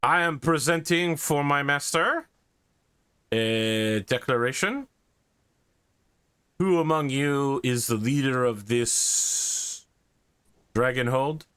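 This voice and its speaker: A man voicing an imperious hobgoblin envoy in a tabletop fantasy game, proclaiming formally and ceremoniously at a slow pace. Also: mid-range voice, fairly bright tone, smooth, dry recording. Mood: formal, demanding.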